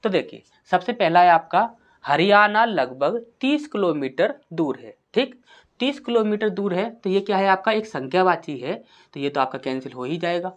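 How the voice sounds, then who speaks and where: A woman teaching a grammar lesson for exam prep. She asks questions and answers them herself, and reads example sentences slowly and deliberately. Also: on the low side, darkish tone.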